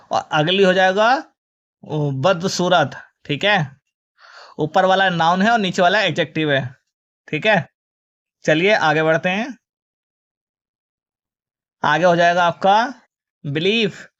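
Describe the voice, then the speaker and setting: High-voiced male teacher drilling vocabulary. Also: slow pace, long pauses, a bit bright, muffled recording. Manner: spells each word letter by letter, then gives its meaning and opposite; addresses students as children. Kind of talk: vocabulary lesson for exam students.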